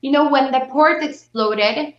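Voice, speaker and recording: A young adult woman from Bolivia, a beauty pageant titleholder, answers questions conversationally as an interview guest. Her voice sits high and her pace is unhurried. The audio is roomy and muffled.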